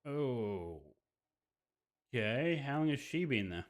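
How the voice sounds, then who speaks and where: In a mid-range, sing-song voice, a man speaks slowly while casually commenting on a video game playthrough. He reads visual novel dialogue aloud, reacting and musing as he goes.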